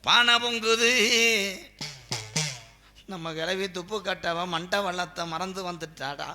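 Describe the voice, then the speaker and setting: A man's voice: high voice, steady tone, moderate pace, over music. A man who is a stage comedian, telling a story in short punchy beats and calling out to his partner in live banter.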